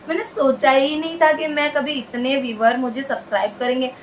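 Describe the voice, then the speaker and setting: A woman's voice: high voice, a bit bright, slight background noise, poor audio. Earnest chatty woman. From India. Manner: earnest, chatty, repeats phrases for emphasis. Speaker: vlogger. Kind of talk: casual talk to camera.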